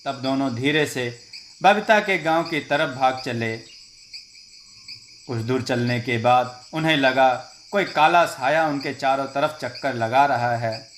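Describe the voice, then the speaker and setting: A man narrating a scripted horror story in a slow, dramatic storytelling manner. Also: mid-range voice, a bit bright, slight background noise.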